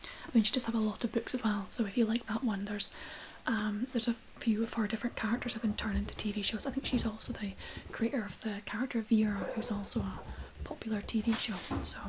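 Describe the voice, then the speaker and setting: Whispering woman in a soft-spoken role-play. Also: medium pitch, level tone, brisk, background noise. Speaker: ASMR creator playing a librarian recommending books.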